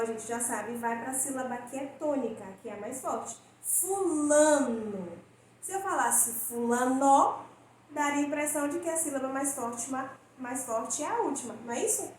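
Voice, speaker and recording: A woman with a high, bright voice teaches a recorded school lesson. She walks through each rule step by step and keeps turning back to her students to check that they follow. Her voice rings through a very echoey room over a faint hiss of noise. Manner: explains step by step, often checks in with the class.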